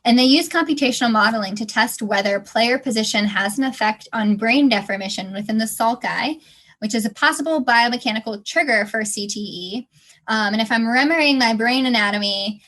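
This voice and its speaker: A young woman co-hosting a casual science podcast, chatty and quick to laugh. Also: mid-range voice, a bit bright. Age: young adult. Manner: laughs often, bubbly and chatty. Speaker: podcast co-host.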